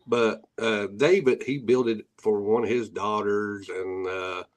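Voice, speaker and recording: A man's voice: on the low side, fairly even intonation, measured pace. A middle-aged man with an Appalachian hillbilly accent telling stories casually in an interview, folksy and rambling with rural grammar. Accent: Appalachian, hillbilly drawl. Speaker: guest, paranormal investigator.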